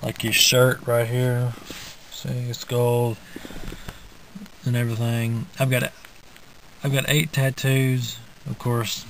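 A man's voice: mid-range voice, little pitch movement, slow, long pauses, poor audio. A young man rambles to his camera from the driver's seat of a parked car, easygoing and full of fillers and restarts. His voice sits in a middle register, close to an arm's-length camera mic. A faint hiss runs underneath. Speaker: vlogger. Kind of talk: casual rambling monologue. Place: inside a parked car in the woods. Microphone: phone or camera held at arm's length.

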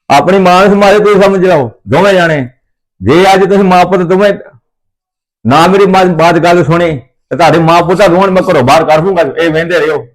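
A man plays an older father-in-law who rants and scolds his son without letting up, repeating his threats over and over. He has a high voice and talks fast. This is a family comedy skit. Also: natural voice. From Punjab, India. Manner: ranting, repetitive, threatening.

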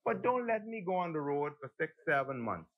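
A man's voice: fairly high pitch, sing-song, a little fast, narrow, tinny audio. A middle-aged man with a Bahamian accent giving a heated, rambling, folksy speech as a member of parliament in a legislative chamber.

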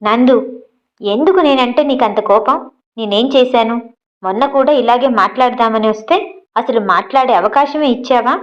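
A woman's voice: a little high, moderate pace, muffled recording, close to an everyday voice. A woman voicing a hot-tempered but loving young man in an audio storybook, speaking insistently. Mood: pleading.

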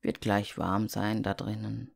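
Kindly storybook snowman, read by a woman: low, friendly, booming, gravelly. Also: flat delivery, measured pace, a little mellow, heavily acted. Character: jolly kindly male snowman come to life.

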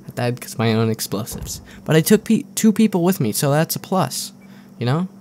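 A man's voice: fairly high pitch, sing-song, normal speed, a little mellow. A young man giving casual, joking, rambling commentary over his own gameplay, often sarcastic. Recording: faint gunfire and game noise behind.

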